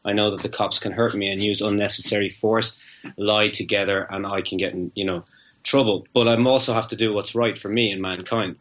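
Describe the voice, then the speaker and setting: A man, a guest telling a story in a casual, animated way, acting out both sides of each exchange. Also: fairly low pitch, fairly quick. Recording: muffled lo-fi audio.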